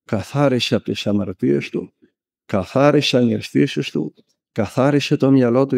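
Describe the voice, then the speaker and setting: A man's voice: medium pitch, gravelly, darkish tone, no room sound. A man from Greece, a monk and spiritual elder, preaching a sermon and telling stories vividly, acting out the people he quotes. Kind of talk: spoken sermon.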